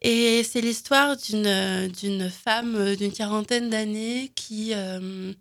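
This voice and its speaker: A woman with a gravelly, creaky voice chats casually about films. She hesitates often, filling gaps with fillers and restarting her sentences. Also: medium pitch, slow pace. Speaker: film recommendation guest. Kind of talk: casual radio film chat.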